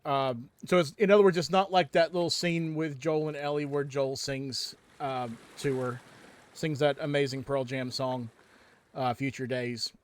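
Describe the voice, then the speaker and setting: A man's voice: medium pitch, steady tone, normal speed. A man streaming a game from home, chatting casually into a headset mic and rambling with lots of ums and restarts. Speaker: livestream gamer.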